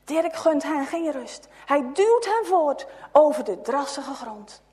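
A woman reading a children's story aloud, expressive and hushed at tense moments. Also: high-pitched, slow, in a large hall.

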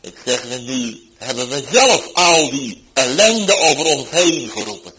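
A man preaching, telling a story from his ministry with emphatic swings between loud declarations and hushed tones. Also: mid-range voice, very animated, a little slow, slightly rough, low-quality recording. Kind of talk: sermon anecdote.

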